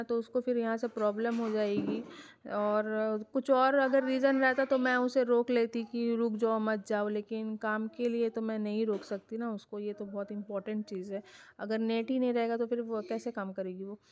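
A woman narrates her family vlog in a relaxed voice-over, rambling from one thing to the next with lots of filler words. Her voice sits a bit high but stays very level, with little rise and fall. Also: moderate pace. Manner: chatty, rambling with many fillers. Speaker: family vlogger.

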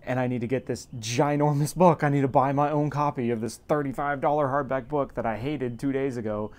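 Rambling, animated young man vlogging. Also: medium pitch, fairly quick. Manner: animated, rambling, lots of fillers and quoted self-talk. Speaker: book vlogger. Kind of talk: casual talking-head vlog.

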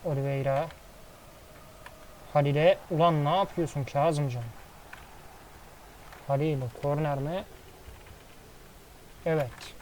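Excitable man calling a football game. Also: a little high, a little hiss or hum, poor audio. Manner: excitable play-by-play, swears casually. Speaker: gaming commentator. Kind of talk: casual football game commentary.

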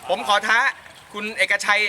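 A man's voice: moderate pace, pushed and bright. Man, ice bucket challenge announcement, breathless exclamations in ice cold water, noisy amateur recording. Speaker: company steel seller taking a charity challenge. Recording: noisy amateur video with background noise.

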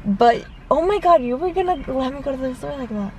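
A woman's voice: sits high, expressive, a little fast, a little mellow, a little hiss or hum, poor audio. A young woman in a casual couple vlog, playfully indignant and bantering, often saying "dude" and "bogus". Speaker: vlogger, girlfriend.

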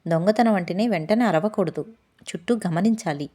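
A woman voicing a gentle, wise magical bull in a children's storybook, speaking softly and patiently. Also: medium pitch, normal speed, lightly acted. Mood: gentle advice. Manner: soft-spoken, patient teaching.

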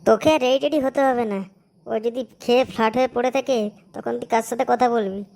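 A woman's voice: a little high, fairly even intonation, quick pace, vocal fry, darkish tone. A woman voicing a pushy young man in a cartoon, urging his friend along in an insistent, bossy way. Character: pushy young village guy, nagging friend. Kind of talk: animated cartoon voice acting.

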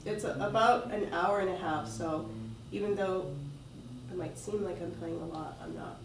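A woman speaking to a conference audience in a relaxed, somewhat halting manner. She sits some distance from the mic in a reverberant lecture hall, with a faint hiss underneath. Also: lowish voice. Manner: casual, halting, loose phrasing. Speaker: conference presenter. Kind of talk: conference talk. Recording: echoey hall, mic far off.

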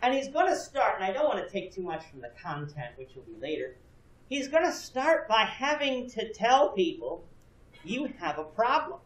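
Recorded at a distance by a far camera with no visible mic, this echoey church classroom with a projection screen hosts a Bible class. The teacher, a man in his thirties, speaks in a high, sing-song voice at normal speed, earnestly explaining and putting questions to students.

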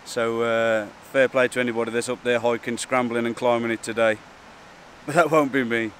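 A man chats to his camera in an informal, halting way. His voice sits at a medium pitch. He is outdoors on a breezy hillside beside rushing water, with faint wind and water noise around him. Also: little pitch movement. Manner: informal, hesitant and chatty. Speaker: wildlife photography vlogger. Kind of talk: casual vlog to camera.

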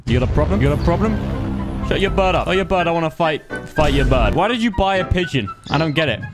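A young man giving loud, teasing gameplay commentary and bantering with strangers, breaking into sudden excited shouts. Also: fairly high pitch, fast, over music. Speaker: gaming YouTuber.

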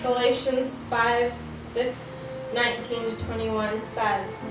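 With a voice on the high side that barely changes pitch and draws out its words, a young woman interprets a sermon line after line, hesitating with fillers and restarts. A distant camera records her in a living room set with framed pictures, where the room echoes and faint music plays.

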